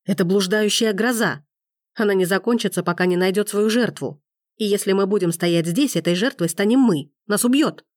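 A woman's voice: mid-range voice, normal speed, darkish tone, dry recording, clean studio sound, lightly acted. A woman reading an audiobook, voicing a stern, commanding man who scolds a young woman. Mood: urgent. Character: gruff commanding man, rescuer in a storm.

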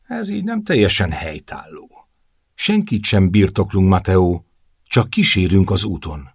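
A man voicing a gentle, wistful young woman in love, with a soft, dreamy and pleading manner, in an audiobook reading. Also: sits low, big pitch swings, creaky, husky, no room sound, studio quality, exaggerated voice. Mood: tender, wistful.

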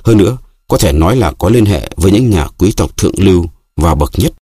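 A man reading an audiobook voices a proud, hysterical destitute widow, pleading and scolding in a raised, shrill voice. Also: lively intonation, brisk, mellow, breathy edge, dry recording, studio quality. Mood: haughty pleading.

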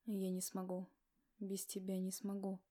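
A woman lowering her voice for a grieving husband. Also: little pitch movement, normal speed, a little mellow, close to an everyday voice. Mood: grim. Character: grieving husband, a hoarse, gloomy man.

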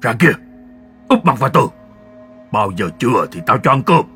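A man voicing a hot-tempered middle-aged father who scolds loudly and harshly. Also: medium pitch, very animated, normal speed, soft background music. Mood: furious. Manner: loud barking scolding.

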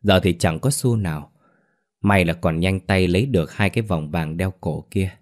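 Low-voiced male ghost-story narrator. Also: moderate pace.

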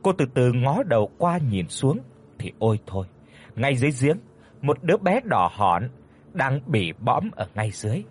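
A man narrating a ghost story in an expressive, dramatic way. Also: mid-range voice, moderate pace, slight background noise.

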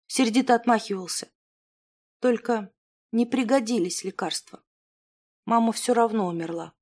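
A woman's voice: a little high, close to an everyday voice. A woman voicing a timid, earnest young woman in love who talks shyly and pleads.

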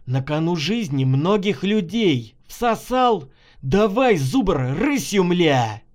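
A man playing a hot-tempered middle-aged lieutenant colonel who gives orders gruffly and bluntly. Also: high voice, sing-song, takes it slowly, full character voice. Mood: bossy.

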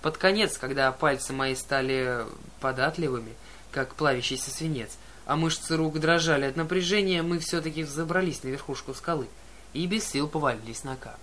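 A man narrating an audiobook in a lively first-person storytelling manner. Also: a little high, moderate pace, slight background noise. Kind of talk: audiobook reading.

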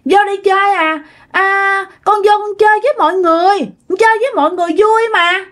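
A woman's voice: fairly quick, a bit bright. A woman doing a childish boy ghost. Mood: playful. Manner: high childish singsong, whiny. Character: ghost of a five-year-old boy, playful, stubborn.

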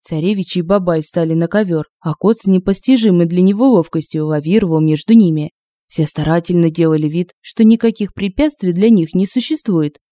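A woman narrating a humorous fantasy audiobook in a lively, expressive way on a close home mic. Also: lowish voice, a little fast, dry recording. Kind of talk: scripted narration. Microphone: close mic, home recording.

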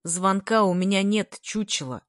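Woman reader voicing a gloomy teen boy, forced low grumble, slow sardonic delivery. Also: no echo, studio quality, close to an everyday voice. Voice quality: grumbling bass put on. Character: gloomy tall teenage boy, deadpan bass.

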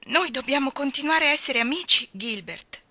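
A woman's voice: sits high, animated, moderate pace, dry recording, pitched above the performer's own voice, full character voice. A woman voicing a passionate, emotional young woman in an audiobook, pleading and crying out. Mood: anguished. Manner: pleading, rising to loud emotional outbursts.

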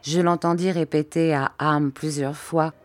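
A woman narrating a classic novel in a measured, expressive reading style. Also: sits low, dry recording, soft background music. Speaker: audiobook reader. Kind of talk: storybook narration.

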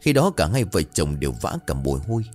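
A man narrating a horror story in a measured, suspenseful way. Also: low-pitched, sing-song, darkish tone, soft background music.

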